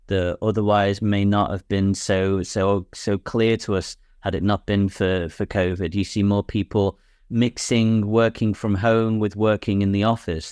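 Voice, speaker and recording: A man hosts an interview in an easygoing, conversational way, with a fairly low voice. His tone is smooth and clear. The sound is close and dry. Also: a little mellow, dry recording. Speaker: podcast host. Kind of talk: casual interview chat.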